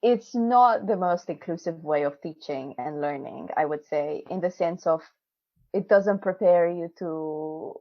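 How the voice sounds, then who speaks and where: A woman in her twenties, a PhD student who isn't a native English speaker, is interviewed over a video call, speaking at a measured pace in a lowish voice. She's chatty, laughs often, and uses many fillers and restarts, with dull, dry call audio.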